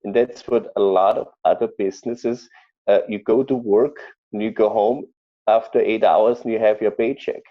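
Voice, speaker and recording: A man with an Austrian accent, a chef telling stories in an interview, speaking haltingly with many fillers and restarts. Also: on the low side, steady tone, highs cut off. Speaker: chef guest. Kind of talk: conversational interview storytelling.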